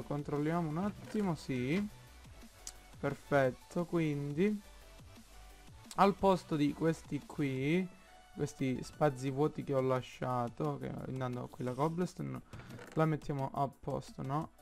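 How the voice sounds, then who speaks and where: A man with an Italian accent commenting on his own Minecraft play, slow and halting, thinking aloud with many fillers. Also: a little high, creaky, darkish tone, soft background music. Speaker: gaming YouTuber.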